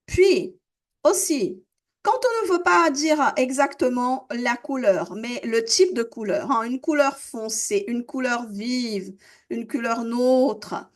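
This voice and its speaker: A woman teaching French to beginners, slowly repeating each word and explaining its pronunciation. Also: fairly high pitch. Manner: slow, deliberate pronunciation drills, repeating words. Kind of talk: slow, careful language lesson.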